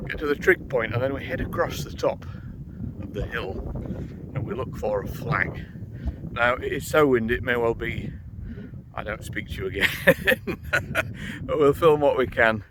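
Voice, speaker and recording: A middle-aged man, chatting as he walks and guides viewers along a hike, laughing easily and stopping to tell the history. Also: mid-range voice. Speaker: hiking vlogger and guide. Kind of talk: casual walking commentary with narrated history. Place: outdoors on a windy open moor. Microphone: camera mic carried while walking. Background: wind and backing music.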